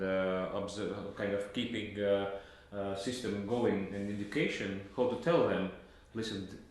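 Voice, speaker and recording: Guy interviewing, fumbles his words a lot, lowish voice, super echoey room. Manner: hesitant, halting, many fillers and restarts. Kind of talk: casual interview questions.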